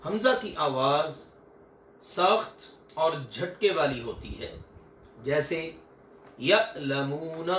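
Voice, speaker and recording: Older man, slow careful recitation teacher, rather high voice, echoey room, distant mic, faint noise. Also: a bit bright. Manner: patient, repeats sounds slowly and stretches example words. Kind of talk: recitation lesson with drawn-out examples.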